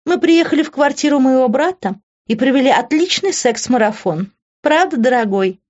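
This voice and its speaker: A woman's voice: high voice, animated, moderate pace, darkish tone, muffled recording, voice pushed up. A woman voicing a spiteful, mocking young woman who taunts in a sneering tone. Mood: taunting.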